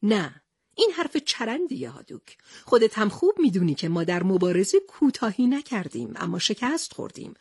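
Woman voicing a young male storybook hero, earnest, plaintive, husky tone. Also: mid-range voice, big pitch swings, a little mellow, no echo, studio quality.

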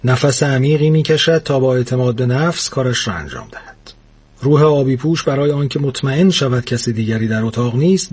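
A man reads a comic story aloud in a steady, even delivery. His mid-pitched voice has a husky, breathy grain. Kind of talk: scripted narration of a comic story.

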